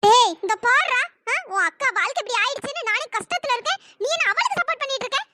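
A performer voicing a sharp-tongued, furious middle-aged mother in a cartoon, scolding and shouting. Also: extremely high pitch, animated, fast talker, a little hiss or hum, full character voice. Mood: angry scolding. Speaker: angry aunt. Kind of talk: pitched-up cartoon voice acting.

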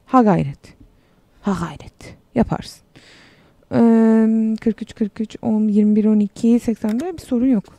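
A woman's voice: fairly high pitch, fairly even intonation, moderate pace, hardly any pauses, dark tone, no echo. A young woman casually commenting on a game while she plays, chatty and sarcastic, reading the game text aloud as she goes. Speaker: game streamer.

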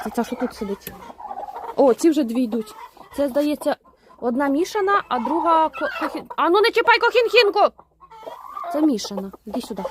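A high-pitched woman chats in an easy, coaxing way, half to her viewers and half to the broody hens she is settling on their nests. She is recorded in a poultry coop, and the clucking and rustling of the birds stays loud and clear behind her voice. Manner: coaxing, chatty, talks to her hens and geese. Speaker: homestead keeper. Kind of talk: casual farmyard vlog. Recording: noisy farmyard with clucking hens.

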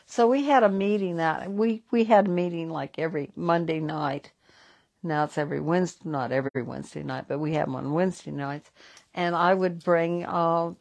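A woman's voice: on the low side, a little mellow. A woman with a Southern American accent, a psychic host, telling stories in a rambling way with restarts and repeated words. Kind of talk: live stream talk and storytelling.

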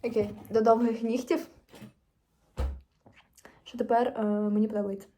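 A woman's voice: on the high side, flat delivery, normal speed, warm tone. A teenage girl from Ukraine vlogging casually to camera, chatting in a rambling way with fillers and restarts. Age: teens.

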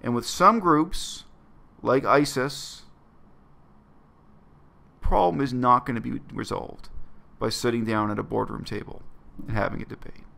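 A man's voice: medium pitch, measured pace, creaky, sharp tone. A man, talking earnestly and bluntly to his webcam in a small bedroom. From Canada. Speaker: vlogger. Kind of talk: reflective personal monologue to camera.

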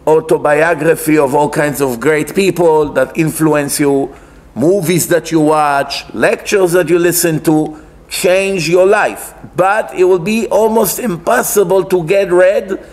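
Seated at a lectern in a wood-panelled synagogue, an Israeli-accented rabbi with a high-pitched voice gives a religious lecture. He preaches conversationally and emphatically, explaining points, asking rhetorical questions and repeating phrases.

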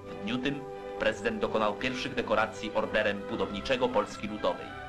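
A man's voice: on the low side, fairly even intonation, fairly quick. A man giving solemn, declamatory narration for an old newsreel soundtrack. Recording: narration over loud orchestral music.

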